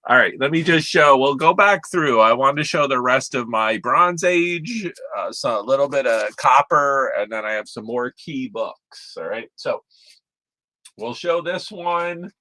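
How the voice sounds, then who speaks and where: A man's voice: medium pitch, lively intonation, a little slow, sharp tone. A man hosting a live comic auction stream from home, talking in a laid-back, rambling, chatty way full of fillers. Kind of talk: casual live-stream sales patter.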